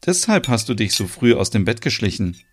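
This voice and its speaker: A man voicing a sleepy, affectionate young woman in an audio soap opera, speaking softly. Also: lowish voice, sing-song, fairly quick, breathy edge.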